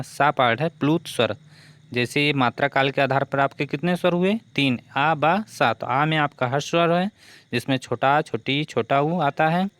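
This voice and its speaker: A man's voice: on the high side, fairly bright tone, clean tone, no room sound. A man teaching a grammar lesson for exam preparation who keeps asking questions and answering them himself.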